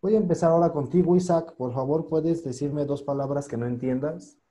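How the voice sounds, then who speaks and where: A man's voice: fairly high pitch, a little fast, dark tone. A man teaching an online English class over a video call, patiently spelling out words and translating them.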